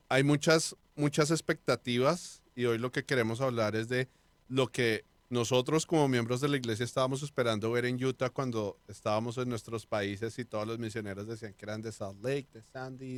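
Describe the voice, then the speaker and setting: A man steers a casual podcast conversation, joking and easygoing. His voice is smooth and resonant, and it is recorded dry and close to the mic. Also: mid-range voice, no echo. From Colombia (Bogotá). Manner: leads the talk, joking and easygoing. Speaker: podcast co-host.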